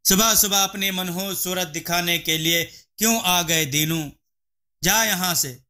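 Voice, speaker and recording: A man's voice: sits high, unhurried, pushed and bright, heavily acted. A man voicing an arrogant, harsh rich landlord who scolds and sneers at those beneath him. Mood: scornful. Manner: scolding, contemptuous.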